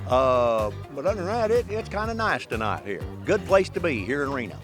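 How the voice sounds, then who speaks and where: Man playing a joking drifter, folksy drawl, animated. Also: medium pitch, a little fast, music in the background, close to an everyday voice.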